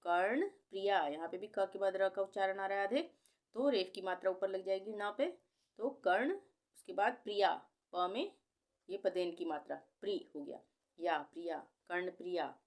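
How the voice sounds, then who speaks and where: On a video channel, a woman with a mid-range voice teaches Hindi spelling, patiently repeating each name slowly, syllable by syllable. A few English words are mixed in.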